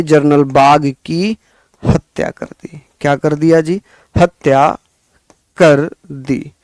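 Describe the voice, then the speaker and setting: A man teaching a history lesson, repeating key facts slowly for his students to memorize. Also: a little high, clean tone, no room sound. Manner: scolding but caring pep talk. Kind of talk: exam-prep history lesson.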